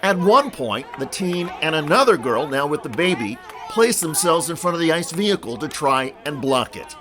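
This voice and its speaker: A man's voice: on the high side, big pitch swings, moderate pace, crowd noise. A man hosting a scripted political news commentary with an emphatic, punchy delivery.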